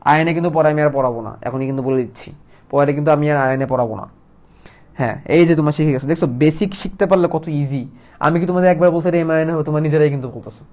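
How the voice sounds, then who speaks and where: A man teaching a casual biology lesson, lively and full of questions to students. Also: fairly high pitch, racing. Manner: lively, asks students questions and plays out molecules as characters.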